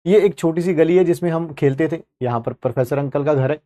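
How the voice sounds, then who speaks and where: Chatty Indian chemistry teacher, dry sound. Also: male voice, fairly high pitch, quick pace, warm tone, no room sound. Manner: chatty, addresses students directly, mixes in English terms. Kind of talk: online class lecture.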